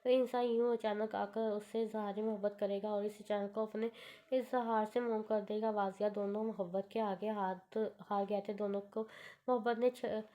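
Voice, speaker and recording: Halting woman reading a romance novel. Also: medium pitch, level tone, warm tone. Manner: halting, stumbles over words. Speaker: audiobook narrator. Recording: dull lo-fi recording.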